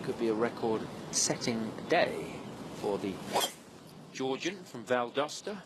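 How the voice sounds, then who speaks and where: A man's voice: medium pitch, expressive, slow pace, noisy background. A man hosting a live golf broadcast with sports commentary. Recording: music behind the voice. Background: music.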